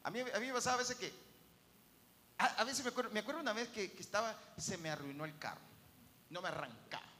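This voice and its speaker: A man preaching a sermon in a church hall, telling stories with lively acted-out voices. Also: high-pitched, fast talker, long pauses. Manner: animated storytelling, acts out quoted voices.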